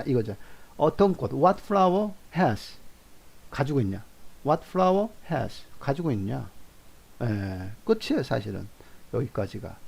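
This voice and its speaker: A man giving an English lesson, slowly repeating and drilling example sentences for his students. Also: on the high side, mellow. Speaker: English teacher. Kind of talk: classroom lecture.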